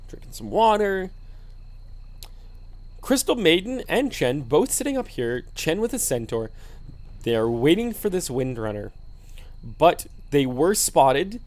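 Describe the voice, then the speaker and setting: A man commentating a video game match alone, laid-back and explanatory with many fillers, sleepy and yawning. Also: mid-range voice. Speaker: esports commentator. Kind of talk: solo play-by-play game commentary.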